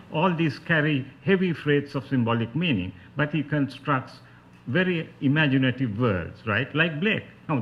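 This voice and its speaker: A man with a Sri Lankan accent giving an academic talk as a panelist, in a scholarly, explanatory manner. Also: medium pitch. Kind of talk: spoken academic lecture. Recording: dull, lo-fi talk recording.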